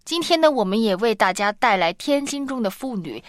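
A woman's voice: on the high side, animated, fairly quick, dry recording, clean studio sound. A woman co-hosting a faith radio chat, talking casually and sharing personal stories. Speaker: radio co-host.

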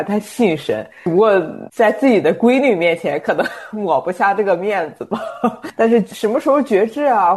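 A woman hosts a relaxed talk about faith. She responds warmly to her guest and laughs often. She slips into gentle, sermon-like encouragement at an ordinary pitch. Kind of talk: casual faith conversation.

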